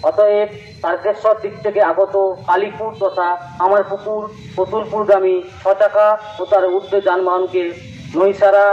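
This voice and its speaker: A man reading a formal police safety announcement through a loudspeaker, in a measured, repetitive delivery. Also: high voice, flat delivery, soft background music. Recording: muffled loudspeaker recording, faint noise.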